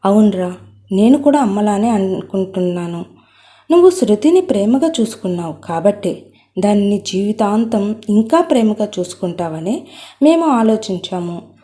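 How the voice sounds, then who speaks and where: A woman's voice: medium pitch, animated, normal speed, mellow, close to an everyday voice. A woman voicing a grown daughter who insists she agrees with her mother. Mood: insistent.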